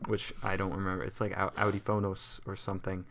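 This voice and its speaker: Low-voiced young man joking on a podcast. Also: completely flat delivery, quick pace, creaky, fairly bright tone. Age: young adult. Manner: joking, self-mocking, laughs while talking. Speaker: podcast co-host. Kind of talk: casual chat.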